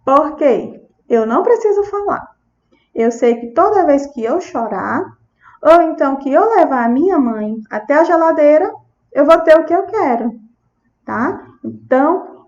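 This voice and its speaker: A Brazilian woman with a high voice lectures as a speech therapist, acting out words and sounds for a child and checking in with her listeners. The recording sounds a little dull. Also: expressive, moderate pace. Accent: Brazilian Portuguese. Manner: checks in with the audience often. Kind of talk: lecture with demonstrations.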